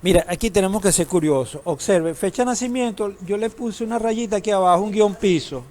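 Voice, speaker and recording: A man's voice: high voice, fairly quick, a little mellow, slight background noise. A man teaching a database class, lecturing in a classroom, asking students questions and joking now and then. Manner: asks the class questions, uses humor.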